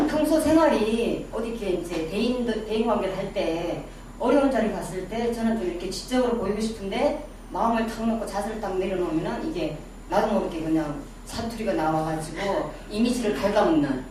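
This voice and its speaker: In a lecture room with a small audience, a middle-aged woman speaking Daegu Gyeongsang dialect gives a casual class on personal image, quizzing listeners and joking at her own expense. Her voice is mid-range, expressive, fairly quick and a little mellow. A distant mic picks up heavy echo and background noise.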